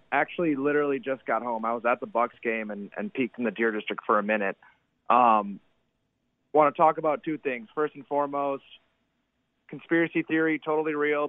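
A man with a hoarse, worn-out voice from cheering, gushing casually as a fan calling a sports radio show. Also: medium pitch, dry recording. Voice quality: hoarse, strained voice after shouting at the game. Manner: effusive, gushing. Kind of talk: excited casual fan chat. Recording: narrow-band phone call.

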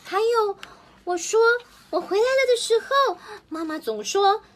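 A woman doing a high, sweet little child. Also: lively intonation, measured pace, fairly bright tone, exaggerated voice. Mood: earnest, sweet. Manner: sweet, earnest childlike telling. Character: small child who adores its mother.

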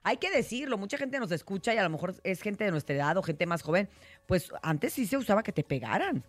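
A radio host talks fast in a high voice, keeping the chat moving and calling on listeners. The studio sound is dry and close. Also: male voice, sing-song, no room sound. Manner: chatty, leads the segment and invites listeners.

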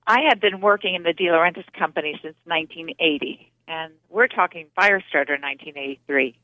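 A woman's voice: lowish voice, a little fast, no room sound. A woman film producer talks through her memories as an interview guest, chatty and full of restarts. Her voice arrives over a tinny phone line with a narrow band. It sounds dry and close. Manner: talkative, with frequent restarts and fillers. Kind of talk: casual interview recollection.

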